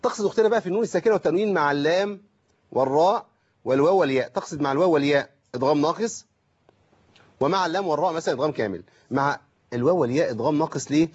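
A man with an Egyptian accent, teaching Quran recitation on a call-in lesson and explaining through rhetorical questions and slowly drawn-out examples. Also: a little high, breathy edge, dull audio.

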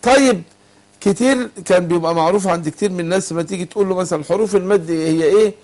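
A man's voice: high-pitched, racing, darkish tone. A man with an Egyptian Arabic accent teaching tajweed on a call-in lesson, patiently asking his student to fill in the words. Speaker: Quran recitation teacher.

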